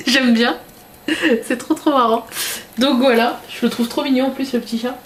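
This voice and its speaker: A woman's voice: high voice, moderate pace. Chatty gushing young Frenchwoman vlogging. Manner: chatty, gushing, filler-heavy. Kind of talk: casual unboxing chat.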